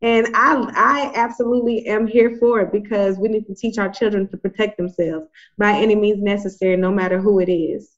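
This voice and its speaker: A woman's voice: medium pitch, steady tone, a little fast, lo-fi sound. A woman talking conversationally as a guest, with an emphatic, colloquial way of advocating for her cause. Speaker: organization representative, guest. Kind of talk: conversational talk, impassioned advocacy.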